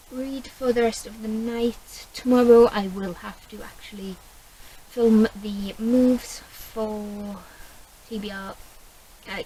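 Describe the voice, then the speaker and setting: A woman's voice: on the high side, warm tone, a little hiss or hum, low-quality recording. A woman with a Geordie accent chatting casually to camera about books, rambling and correcting herself as she goes. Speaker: book vlogger.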